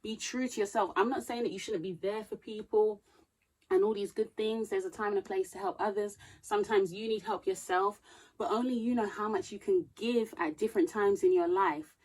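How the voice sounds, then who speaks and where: Her mid-range voice is brisk, darkish and fairly even in intonation, captured on a low-quality recording. The vlogger, in her thirties, reads partly from notes while giving earnest advice to camera, her tone turning more insistent as she speaks.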